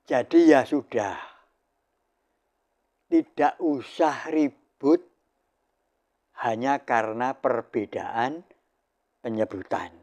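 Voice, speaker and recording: An older man preaches with great deliberation, setting down each short phrase and letting it rest before the next. His pitch sits at an ordinary middle height for a man, and the whole talk unfolds at an unhurried, almost halting pace. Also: a little mellow. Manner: measured, solemn, with long pauses between phrases. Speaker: spiritual teacher. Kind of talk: slow spiritual sermon.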